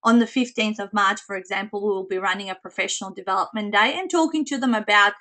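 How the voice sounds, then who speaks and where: A woman with a slightly squeaky voice presenting an informal online coaching call in a chatty way. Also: fast talker, sharp tone.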